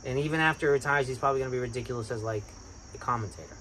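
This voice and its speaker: A man with a Boston accent, co-hosting a casual sports chat and getting excitable about his picks. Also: very fast, slight background noise. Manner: excitable, bursts up in pitch when hyped. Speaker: sports podcast co-host.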